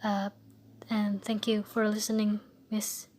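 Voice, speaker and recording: A teenage girl with a raspy voice, giving a school oral presentation, hesitant and stuttering as she repeats words. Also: medium pitch, completely flat delivery, takes it slowly, a little mellow. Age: teens. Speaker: high school student.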